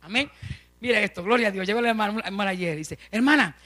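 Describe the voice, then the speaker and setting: A man's voice: high-pitched, very fast, sharp tone. A man preaching a fervent sermon, calling out amen and hallelujah and addressing the congregation as brother. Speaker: pastor. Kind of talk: lively Spanish-language sermon.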